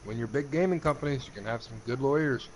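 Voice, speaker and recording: A man's voice: medium pitch, fast, darkish tone, a little hiss or hum, low-quality recording. A man co-playing a video game, giving blunt, joking advice and swearing freely. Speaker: co-player. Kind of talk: casual gameplay chat.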